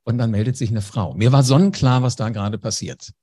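A man's voice: medium pitch, fairly quick, dark tone, slightly rough. A man, a former radio host, telling anecdotes in a casual interview, speaking directly to the listener. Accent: German.

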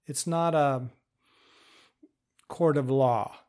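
Slow, patient man explaining. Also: mid-range voice, darkish tone. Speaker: teacher of inner-parts work. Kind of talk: instructional talk.

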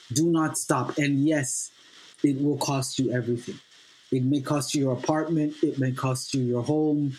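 The poor audio captures a husky, darkish, mid-range male voice belonging to a podcast guest, a playwright who grew up speaking Swahili. He begins earnest and halting, full of fillers, then rises into emphatic, repeated lines.

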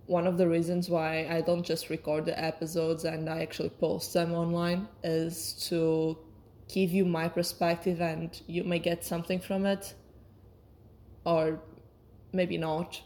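Lower-voiced woman in casual reflective monologue. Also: little pitch movement, unhurried, long pauses, dark tone. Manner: hesitant, searching for words, self-correcting. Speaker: solo podcast host.

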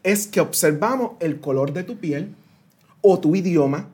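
His voice sits high with a darkish, breathy tone, and he speaks at a measured pace. He is a guest consultant in his thirties from Puerto Rico, animatedly explaining ideas in an interview through everyday analogies, mixing in some English words.

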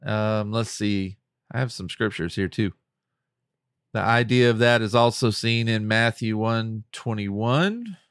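Smooth-voiced man in casual faith chat. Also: lowish voice, unhurried, a bit bright, no echo, studio quality. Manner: laid-back, reads scripture aloud with fillers. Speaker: podcast co-host.

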